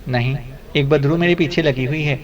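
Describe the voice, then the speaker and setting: Cheeky flattering young man, read by a man. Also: fairly high pitch, lightly acted. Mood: playful. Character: cheeky young male photographer, glib flatterer.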